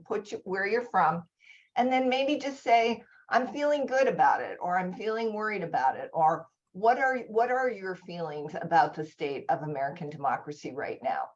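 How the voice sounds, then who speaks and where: A woman presenting a conference session over a video call, enthusiastic and informal, talking in quick bursts. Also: fairly low pitch, highs cut off.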